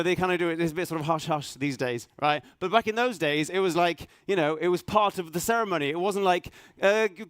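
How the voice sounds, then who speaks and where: A middle-aged man, raised in Norway, speaking at a conference, halting and self-deprecating, full of restarts and fillers. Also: high-pitched, clean tone, no echo. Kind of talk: hesitant conference talk. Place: conference hall stage.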